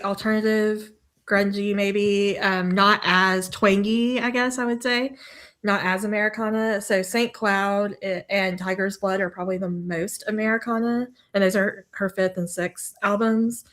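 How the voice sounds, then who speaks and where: Woman co-host, mid pitch, easygoing music recs. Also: a bit bright. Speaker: podcast co-host. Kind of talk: casual chat about music.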